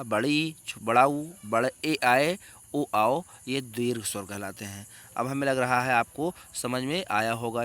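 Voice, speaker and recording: A man's voice: mid-range voice, a bit bright. A man teaching grammar in a classroom lecture, asking questions and answering them himself, with English terms mixed in.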